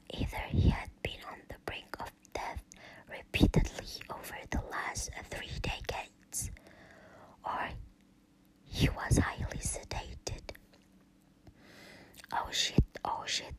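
A woman telling a first-person story in a slow, unvoiced whisper, in the style of a whispered storytelling recording. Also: rough recording.

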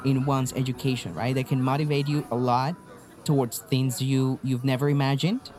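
A man's voice: medium pitch, fairly even intonation, normal speed, darkish tone. A man hosting an interview podcast, upbeat and encouraging, often saying "you know". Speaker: podcast host, faculty manager.

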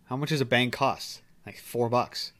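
A man's voice: mid-range voice, moderate pace, fairly bright tone. A man hosting a podcast in casual chat, laid-back, with short reactions and quips, handing turns to his co-hosts. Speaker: podcast host.

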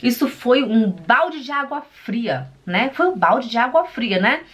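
Slow, encouraging Brazilian woman teacher. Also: on the high side, lively intonation. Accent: Brazilian Portuguese. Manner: slow, drawn-out drilling of words; chatty, encouraging, checks in with "né?" and "tá?". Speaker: German language teacher. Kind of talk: casual spoken lesson.

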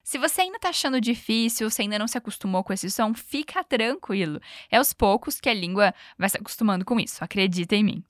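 Woman teaching english on a podcast, patient and coaxing, repeats phrases nice and slow. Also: medium pitch, expressive, no echo, clean studio sound. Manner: patient, coaching, slows down for model phrases. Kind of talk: podcast language lesson.

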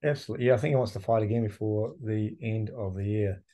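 Male podcast co-host, New Zealand accent, dark relaxed tone, on the low side, slangy blokey chat. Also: fast. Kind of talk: casual chat about combat sports.

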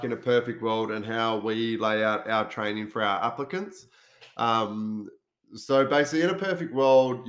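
Aussie bloke, nasal blocked-up voice from a cold, informal coach explaining stuff on a podcast. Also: male voice, mid-range voice. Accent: Australian. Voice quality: nasal, congested. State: has a cold. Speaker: podcast host, fitness coach. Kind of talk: casual solo podcast talk.

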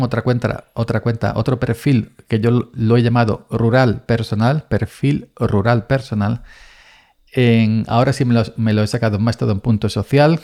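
A man in his forties with an Andalusian Spanish accent and a gravelly, low voice. He talks in a loose solo podcast monologue, circling back with restarts and repeated words. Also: a little mellow. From Andalusia, Spain.

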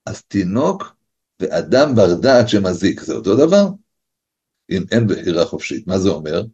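Husky low-voiced rabbi teaching on a zoom call, keeps asking and answering his own questions, muffled sound. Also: sing-song, a little mellow. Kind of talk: Torah lesson, lively rhetorical questions. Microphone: video call. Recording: dull lo-fi video call audio.

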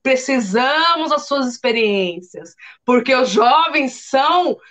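A woman telling a lively faith testimony in casual chat, acting out her own past words. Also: sits high, takes it slowly. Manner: animated storyteller, acts out her own past lines. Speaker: guest giving testimony.

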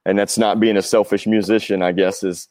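The man, in his forties and a touring rock drummer, is an interview guest rambling reflectively and earnestly through his thoughts in a casual chat. He talks briskly with a level, slightly mellow, lowish voice, recorded without room sound.

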